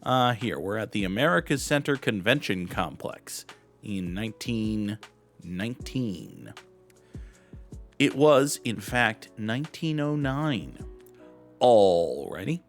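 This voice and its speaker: A man's voice: fairly low pitch, very animated, slow pace, faint music behind. A young adult man hosting a gaming channel, giving rambling, wry, self-deprecating commentary as he guesses where and when old photos were taken. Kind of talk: casual commentary while guessing photo locations.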